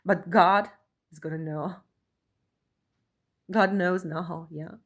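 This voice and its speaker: A woman's voice: lowish voice, fairly even intonation, slow pace. A woman from Russia who talks earnestly while reading a document aloud, often ending phrases with a questioning "yeah?" and repeating herself. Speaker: vlogger, asylum seeker.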